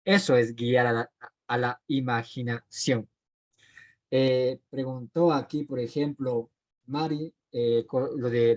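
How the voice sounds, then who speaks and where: A man teaching a homiletics class, explaining his points plainly and often pausing with fillers and restarting his sentences. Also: mid-range voice, darkish tone, dull audio. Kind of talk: recorded class lecture.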